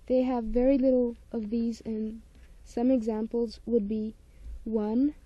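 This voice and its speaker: A woman's voice: on the high side, flat delivery, measured pace, husky, dry recording, dull audio. A woman working as a linguist, leading a phonetics word-list recording with plain, methodical prompts.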